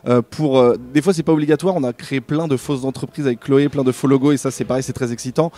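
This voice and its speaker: A man's voice: mid-range voice, steady tone, fast, mellow. A man interviewed about designing games, talking casually with many fillers and restarts. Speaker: game designer guest.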